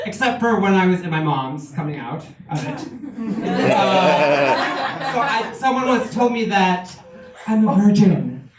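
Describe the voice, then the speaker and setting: A man's voice: sits high, big pitch swings, slow, a loud crowd. A man doing a stand-up comedy set at a benefit show, making self-deprecating, confessional jokes, secretly recorded from the audience. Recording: distant echoey bootleg with loud noise.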